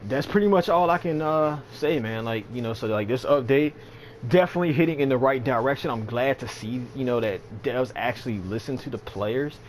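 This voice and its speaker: A man's voice: medium pitch, fairly quick, a little hiss or hum. A man giving casual, rambling commentary on a game update, sleepy and yawning, with lots of fillers and slang. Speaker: gaming channel host.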